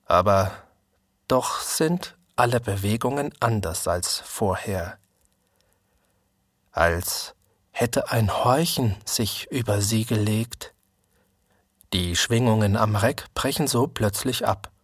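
A man reading a literary story aloud in a calm, measured manner. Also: lowish voice, husky, dry recording, clean studio sound. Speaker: narrator.

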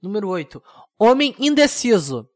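A young man hosting a comedic solo podcast, rambling and mocking himself in a deadpan way. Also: high-pitched, normal speed. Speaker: podcast host.

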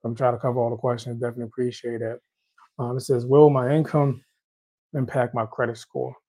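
A Haitian man with a Haitian accent speaks in a medium-pitched, mellow voice, briskly and with little pitch movement. He hosts a casual question-and-answer show about credit, talking loosely and frequently restarting his phrases.

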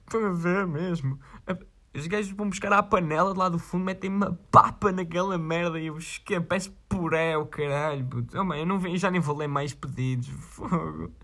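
Slangy young-sounding Portuguese vlogger. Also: male voice, a little high, a bit bright. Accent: European Portuguese. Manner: slangy, rambling, swears often. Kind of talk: casual chat reading viewer requests.

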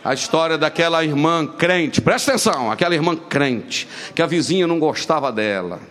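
Male preacher, fairly high-pitched, shifts between loud exhortation and hushed storytelling. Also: lively intonation, fairly quick. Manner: reads verses aloud and comments, calls congregation "irmão". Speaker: pastor. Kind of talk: sermon.

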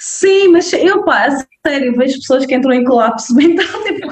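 A young woman with a high voice and a northern Portuguese accent chats as a casual interview guest. She's lively and full of fillers and quick listener checks, and the recording carries a roomy echo.

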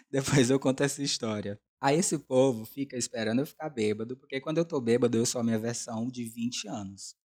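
Young brazilian guy podcasting, campy and self-mocking, warm dark voice, casual chat. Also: medium pitch, brisk. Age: 20s. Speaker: podcast host.

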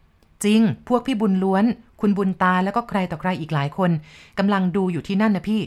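A woman voicing an excited young man who blurts out news in a breathless, insistent rush, within a spoken story. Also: medium pitch, brisk, close to an everyday voice.

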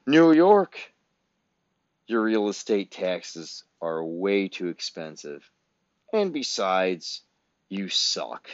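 Deep, slow-talking profane man. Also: expressive, a bit bright, dry recording. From Illinois, US Midwest. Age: 50s. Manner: blunt, profane, sarcastic. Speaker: podcast host. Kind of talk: ranting podcast monologue. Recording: dull, dry lo-fi recording.

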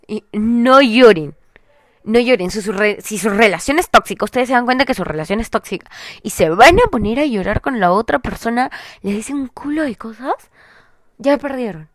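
A woman's voice: on the high side, dry recording, studio quality. Emphatic young woman giving advice. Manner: emphatic, repeats herself, keeps asking "me entienden". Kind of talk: casual advice monologue.

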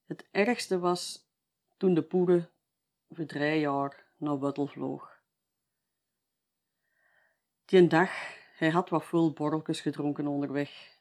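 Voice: mid-range voice, fairly even intonation, takes it slowly, a little mellow. Chatty Flemish storyteller. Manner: chatty, tags sentences with "hè". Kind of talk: folksy oral storytelling.

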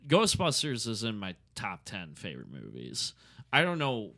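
A man's voice: lowish voice, huge pitch swings, moderate pace, creaky, a bit bright. A man co-hosting a podcast, chatting casually and relaying movie news with an easygoing manner. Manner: easygoing, laughs, stumbles over names. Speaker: podcast co-host. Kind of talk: casual chat, reading news.

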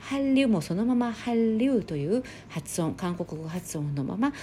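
A middle-aged woman hosting a solo talk podcast. She explains things calmly and fills her pauses with small hesitations. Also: mid-range voice, slight background noise. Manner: calm, explanatory, with frequent fillers. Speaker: podcast host. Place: home near Seoul.

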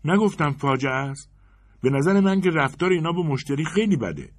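A man's voice: on the high side, big pitch swings, pitched above the performer's own voice. Man doing a fussy, complaining woman. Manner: complaining, prim. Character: indignant middle-aged woman customer, whiny, fussy.

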